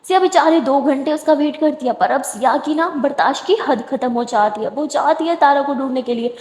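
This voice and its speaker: A woman's voice: sits high, a little mellow. A woman narrating a love story in a chatty way, with asides to the listener. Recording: echoey room with long reverb.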